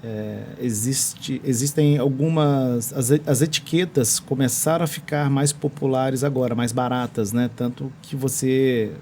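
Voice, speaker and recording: Guesting on a podcast in a studio, a man with a Brazilian accent explains technology, restarting phrases as he searches for words. His mid-range voice is mellow, a little slow and fairly even, with few pauses and a little hiss or hum from the studio microphone.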